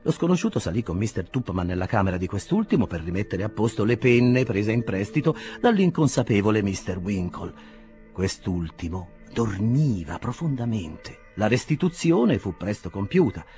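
A man reading a classic novel aloud as scripted narration, animated storytelling. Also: fairly low pitch, normal speed, soft background music. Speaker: audiobook reader.

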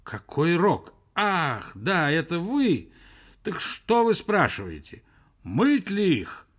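Testy male professor, read by a man, sharp, scolding and raised in pitch. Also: very animated, slow, exaggerated voice. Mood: irritated. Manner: angry, sharp questioning. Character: irritable, scornful male zoology professor.

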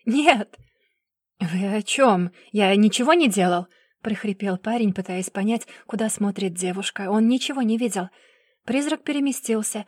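Woman reading a creepy audiobook, steady and dramatic, mid pitch, dry close mic. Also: breathy edge, dry recording. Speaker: narrator. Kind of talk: audiobook narration.

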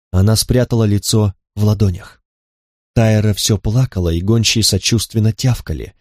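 A man narrating a novel in the first person, with steady, even storytelling. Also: on the low side, no room sound, clean studio sound. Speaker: audiobook narrator.

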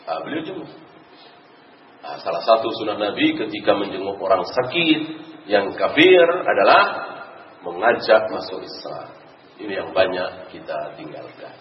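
A man's voice: deep voice, very animated, normal speed. A man preaching an Islamic lecture, asking rhetorical questions and explaining Arabic verses. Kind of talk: religious lecture. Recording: roomy, distant, dull recording with faint noise.

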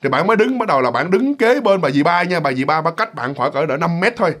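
A man with a Mekong Delta accent who tells a ghost story casually, talking straight to his audience. His voice is high for a man, and his delivery rushes along with loose, repeated phrasing. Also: expressive, fairly bright tone. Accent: Southern Vietnamese, Mekong Delta. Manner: chatty, loose and repetitive, addresses listeners directly. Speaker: storyteller, channel host.

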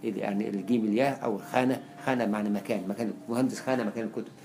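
A man with an Egyptian accent giving a classroom lecture, quickly listing examples and repeating words for emphasis. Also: lowish voice, steady tone, darkish tone. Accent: Egyptian Arabic. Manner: explains quickly with many examples, repeats words to stress them. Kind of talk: classroom lecture on Arabic spelling.

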